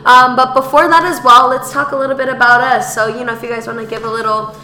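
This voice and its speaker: A woman's voice: on the high side, level tone, fast talker, pushed and bright. A teenage young woman hosting a casual student podcast, enthusiastic though her voice is a little groggy from being sick. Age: teens, high school senior. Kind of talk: casual upbeat podcast chat. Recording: echoey room.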